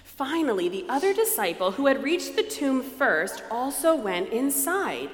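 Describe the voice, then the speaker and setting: A woman leading a dramatized scripture reading, animated and prompting listeners to join in. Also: sits high, unhurried. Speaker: lead reader. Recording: echoey hall with long reverb.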